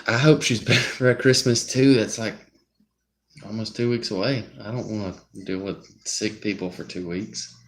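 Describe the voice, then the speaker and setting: A man's voice: on the low side, steady tone, normal speed. A young man with a Southern US accent, rambling in casual live-stream chat and drifting off topic. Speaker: livestreamer.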